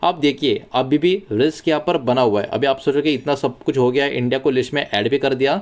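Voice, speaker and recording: A man's voice: medium pitch, brisk. A man hosting a stock market news channel, explaining the news in a conversational tone and often mixing English words into his sentences. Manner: conversational, mixes English words into Hindi, repeats phrases. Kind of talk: casual explainer monologue.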